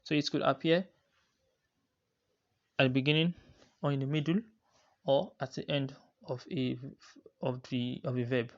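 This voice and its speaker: A man's voice: medium pitch, steady tone. A man teaching the rules of Quran recitation in a lesson, often stopping to repeat himself and restart his sentences. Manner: halting, repeats and restarts, drawn-out Arabic recitation terms. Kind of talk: religious lesson explaining a poem. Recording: dull lo-fi recording.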